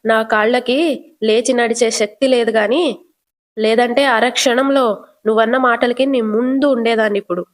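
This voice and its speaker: A woman's voice: fairly high pitch, fairly even intonation, moderate pace, close to an everyday voice. A woman voicing a distressed middle-aged wife who speaks in a hurt, earnest way.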